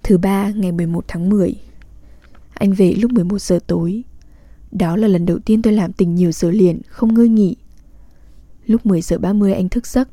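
A woman reading a literary diary aloud in a calm, measured, intimate way. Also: mid-range voice, dry recording. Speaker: reader.

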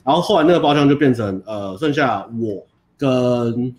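A man's voice: mid-range voice, expressive, normal speed, a little mellow, reverberant. A young man, telling a funny story in casual chat, laughing and swearing freely.

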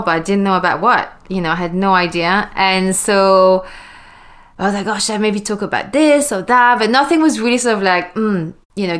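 A Belgian woman in her forties, a guest on a podcast, tells her story in a chatty, rambling way and laughs often. Her voice is medium-pitched and fairly bright, in a casual interview chat.

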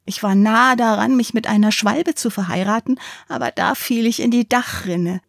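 A woman's voice: a little high, moderate pace, creaky, no room sound, studio quality, pitched above the performer's own voice. Woman voicing a prim, chattering old toy ball. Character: old water-soaked male ball, chatty and vain.

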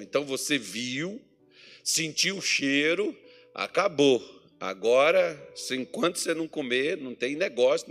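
A man's voice: medium pitch, fairly bright tone. A Brazilian man preaching at a church meeting, conversational and anecdotal, rising to emphatic peaks. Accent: Brazilian Portuguese. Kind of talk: sermon.

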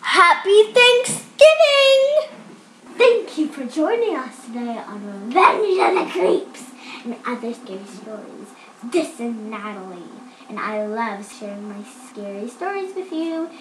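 A young woman narrating a children's storybook as a podcast host, reading with lively character voices. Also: fairly high pitch, a little slow, echoey room, noisy background.

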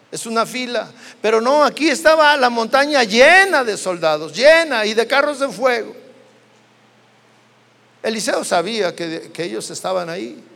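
A man's voice: extremely high pitch, gravelly, fairly bright tone. A man preaching a sermon in Mexican Spanish, telling a Bible story dramatically and acting out its dialogue. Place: church hall. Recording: long church-hall reverb.

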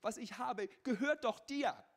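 A man reading out the part of a loving father pleading gently with his son. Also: extremely high pitch, a little slow, pitched above the performer's own voice, full character voice. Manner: pleading and emphatic.

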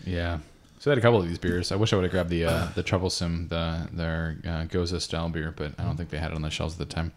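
A man's voice: deep voice, level tone, quick pace. A man co-hosting a podcast, chatting about beer in a laid-back way. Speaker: podcast co-host. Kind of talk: casual beer-tasting chat.

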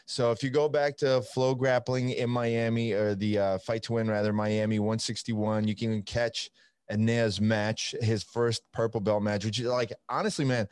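A man's voice: fairly low pitch, level tone, normal speed, a little mellow, smooth, no echo, clean studio sound. A young man with an Italian accent hosting a podcast, talking in a rambling, upbeat way full of fillers. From Italy. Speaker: podcast host. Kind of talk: casual interview chat.

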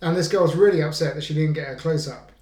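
A man trading dry, sarcastic jokes on a casual film podcast. His voice is fairly high for a man, and the room around him is echoey and live. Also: fast talker, a little mellow, recorded from a distance. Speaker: podcast co-host. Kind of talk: casual film review chat. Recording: roomy echo.

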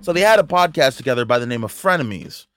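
A man's voice: mid-range voice, animated, quick pace, a bit bright. A young man hosting a podcast in casual, blunt, sweary chat, often repeating himself. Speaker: podcast host.

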